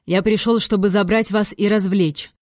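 A woman's voice: mid-range voice, steady tone, normal speed, darkish tone, no room sound, studio quality, natural voice. A woman reading aloud, voicing a stern, guarded young king who speaks in curt, clipped replies.

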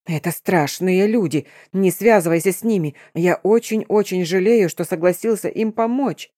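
A woman's voice: lowish voice, moderate pace, dark tone, no room sound, studio quality, lightly acted. A woman voicing a terrified, grovelling man who shrieks and pleads.

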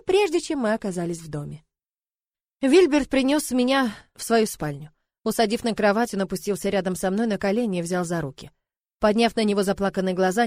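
A woman narrating a first-person novel in an emotional, measured way. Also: medium pitch, darkish tone, no room sound, clean studio sound. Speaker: audiobook narrator.

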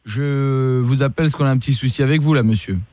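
A man, a radio host, playing a gruff, insulting police commissioner in a prank phone call, barking short orders. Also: medium pitch, fast, mellow, no echo, voice pushed down, close to an everyday voice. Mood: bossy. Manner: bossy, rude, scolding, barking short commands.

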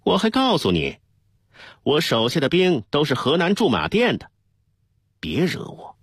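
A man's voice: fairly high pitch, huge pitch swings, a little slow, husky, dry recording, studio quality, voice pushed up, exaggerated voice. A man voicing a brash, defiant army deputy squad leader who picks a fight with his commander, in a read-aloud radio story. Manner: defiant, taunting.

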